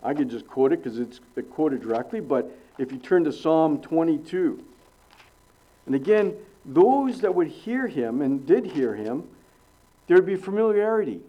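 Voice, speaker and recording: A middle-aged man preaching an expository sermon, earnest and emphatic, swinging between sudden loud rises and hushed drops. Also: on the high side, expressive, a little slow, highs cut off.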